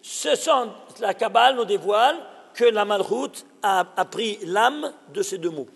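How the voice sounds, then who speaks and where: Rabbi teaching a class: very high, husky voice, emphatic, keeps quizzing the room. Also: male voice, expressive, a little slow, a bit bright, big-room sound. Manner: emphatic, fires rhetorical questions at listeners. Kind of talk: recorded Torah lesson.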